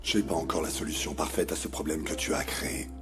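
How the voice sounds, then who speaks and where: Distant father, detached and flat, very deep voice, background music. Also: quick pace. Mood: cold. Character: cold, distant father leaving his family.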